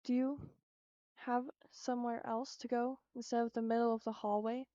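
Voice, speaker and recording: A woman's voice: fairly high pitch, little pitch movement, moderate pace, warm tone, dry recording, lo-fi sound, lightly acted. A woman playing a prim, formal little girl. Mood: hushed. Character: prim polite eleven-year-old girl at her grandpa's funeral.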